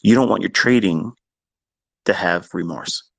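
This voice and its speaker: A man hosting a live audio room, lecturing traders in a blunt, scolding way and slowing down to stress points. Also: deep voice, vocal fry, fairly bright tone, no room sound. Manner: blunt, scolding, slows down for emphasis. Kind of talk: lecturing monologue. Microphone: remote audio call.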